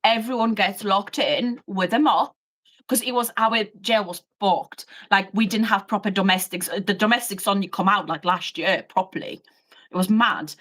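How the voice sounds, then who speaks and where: Blunt, animated woman telling stories. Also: medium pitch, normal speed. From United Kingdom. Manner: blunt, animated, swears freely. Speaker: former prison officer, co-host. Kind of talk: casual storytelling chat.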